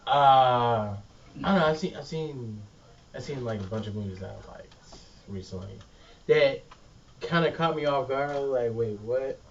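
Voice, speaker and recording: A man co-hosting a casual podcast chat, animated and laughing often, swearing freely. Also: medium pitch, unhurried. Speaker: podcast co-host. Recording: distant lo-fi mic.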